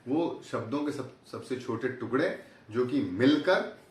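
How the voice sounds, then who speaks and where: A man lectures at a steady pace, laying out numbered points and illustrating each with everyday examples. He mixes English technical terms into his explanations. His voice is heard from a little away from the mic, in a roomy, echoing space. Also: mid-range voice, measured pace, recorded from a distance. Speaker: teacher.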